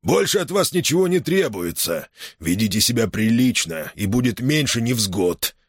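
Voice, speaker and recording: A man's voice: mid-range voice, sing-song, normal speed, slightly rough, no room sound, studio quality. A man voicing a stern, condescending jail commandant who makes menacing threats in an audiobook. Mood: threatening. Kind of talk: audiobook character voice.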